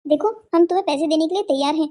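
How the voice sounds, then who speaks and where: A caring young cartoon wife, voiced by a woman reassures her family in a high, warm-toned voice. She speaks gently and steadily. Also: rapid-fire, natural voice. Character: brave, caring young wife, the elder sister-in-law.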